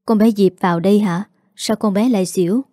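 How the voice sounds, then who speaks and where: A woman voicing a frail, sick old father who speaks softly and wearily. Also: mid-range voice, a little fast, no room sound, studio quality, natural voice. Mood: weary tender.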